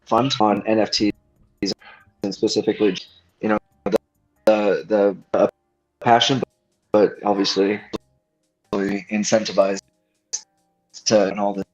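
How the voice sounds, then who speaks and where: A man's voice: fairly low pitch, level tone, husky. Man on a choppy, uneven connection. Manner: halting, fragmented delivery. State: audio cutting in and out, uneven volume. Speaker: guest panelist. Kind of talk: casual chat. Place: travelling, on the move. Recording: dull, choppy mobile connection with faint music.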